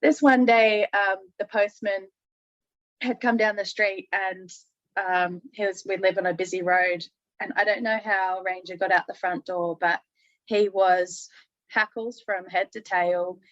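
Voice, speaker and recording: A woman's voice: mid-range voice, steady tone, measured pace, fairly bright tone, dry recording, lo-fi sound. A woman hosting a casual chat, telling stories in a chatty way and laughing often. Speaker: podcast host.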